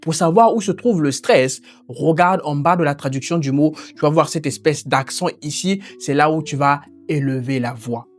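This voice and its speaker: Brief: male language-channel host, informal and explanatory, pitched a little high. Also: moderate pace, hardly any pauses. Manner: explanatory, informal, speaks to the viewer as "tu". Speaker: English teacher and channel host. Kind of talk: educational video narration.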